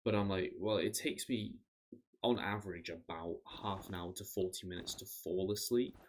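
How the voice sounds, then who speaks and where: A man streaming a game, chatting casually and rambling with frequent restarts, his voice tired and going hoarse. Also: low-pitched, fairly even intonation, moderate pace, a little hiss or hum. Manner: rambling, self-interrupting, swears casually. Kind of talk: casual gameplay chat.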